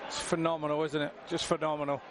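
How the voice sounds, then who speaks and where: A man's voice: on the high side, flat delivery, fast. A man giving conversational live darts analysis as a co-commentator. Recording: noisy venue background.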